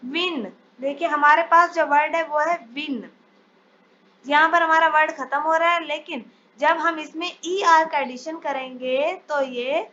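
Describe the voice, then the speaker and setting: A woman teaching English spelling rules in a step-by-step lesson, reading each English rule out slowly before explaining it. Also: high voice, fairly even intonation, sharp tone. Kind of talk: spelling lesson over slides. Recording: dull lo-fi sound, faint hiss.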